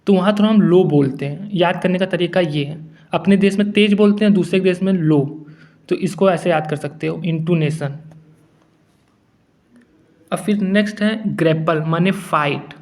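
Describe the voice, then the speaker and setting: A man teaching English vocabulary in a relaxed, conversational way, mixing English words into his Hindi. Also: high voice. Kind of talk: casual explanatory lesson.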